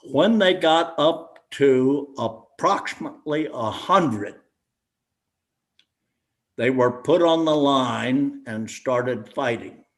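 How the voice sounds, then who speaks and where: An elderly American man, a war veteran in his eighties or older, reminiscing and explaining in a deliberate, halting way with long pauses. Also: medium pitch, lively intonation. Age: 80s or older. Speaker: war veteran being interviewed.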